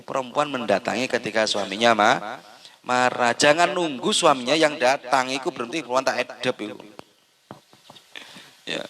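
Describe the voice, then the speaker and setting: A man's voice: mid-range voice, poor audio. A man preaching a humorous sermon, telling stories and mixing in phrases. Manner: lively storytelling, acts out wife and husband in dialogue; mixes Indonesian with Javanese phrases.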